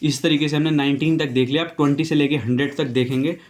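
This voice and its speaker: Man spelling out words slowly as he teaches. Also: on the high side, fairly even intonation. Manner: spells words letter by letter, repeats pronunciations, keeps saying "okay". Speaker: English teacher. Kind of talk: casual spoken lesson.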